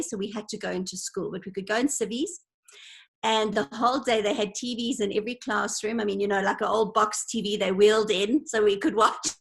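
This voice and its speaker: Speaking over a video call, a Zimbabwean woman in her forties tells stories as an interview guest in casual conversation. Her mid-range voice has vocal fry, and she comes across as earnest and reflective.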